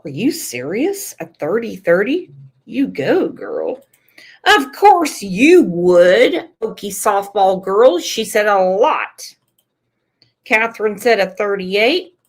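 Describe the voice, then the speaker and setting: Medium in pitch and a bit rough, she speaks slowly during a casual live stream. While her voice is going, she reads chat comments out loud and responds with lively, cursing emphasis.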